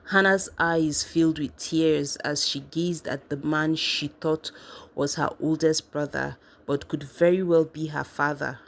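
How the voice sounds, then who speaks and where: A woman narrating a family drama story in a steady, even reading voice. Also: low-pitched, a little slow.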